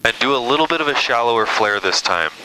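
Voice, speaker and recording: A man instructing a student pilot in a calm, relaxed way, heard over a cockpit headset intercom in a small airplane. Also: medium pitch, quick pace, poor audio. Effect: pilot speaking over a cockpit headset intercom. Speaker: flight instructor. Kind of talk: instructing in flight. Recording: cockpit headset with loud engine noise. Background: engine drone.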